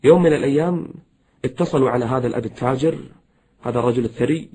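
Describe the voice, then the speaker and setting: A man preaching a sermon, telling stories quickly and fervently, sometimes slowing to chant verse. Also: mid-range voice, dark tone, slightly rough. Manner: fast, fervent storytelling; chants poetry and verses slowly.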